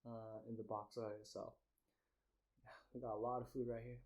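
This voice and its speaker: Young man chatting casually, flat and halting. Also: mid-range voice. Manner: halting, trailing off and restarting. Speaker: mukbang vlogger. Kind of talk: casual chat to camera.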